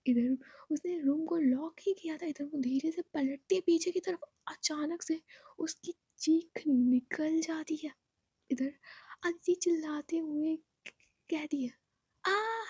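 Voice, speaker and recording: A woman narrating a romance story in a soft, half-whispered storyteller's manner. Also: high voice, slow pace, no echo, clean studio sound.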